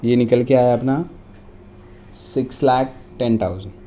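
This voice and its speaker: A man's voice: medium pitch, measured pace, warm tone, slight background noise. A man with an Indian accent teaching an online tax lesson, mixing Hindi and English and repeating figures for dictation. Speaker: commerce tutor.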